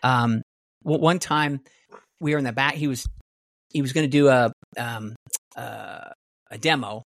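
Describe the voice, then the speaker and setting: A man's voice: medium pitch, fairly bright tone, no echo, studio quality. A middle-aged man casually telling stories, rambling with many restarts and fillers. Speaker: guest martial artist. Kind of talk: casual storytelling.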